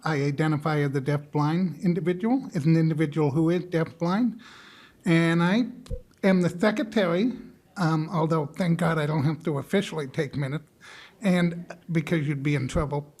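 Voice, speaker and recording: A man's voice: fairly high pitch, darkish tone. A man introducing himself informally as a board member at a public meeting, wordy and prone to rephrasing.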